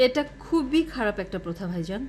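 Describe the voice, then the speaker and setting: A woman's voice: medium pitch, sing-song, fairly quick, a little mellow, slight background noise, lightly acted. An actress playing Pori, an agreeable young woman in a comedy TV drama. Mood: eager. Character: naive young woman Pori, eager to please.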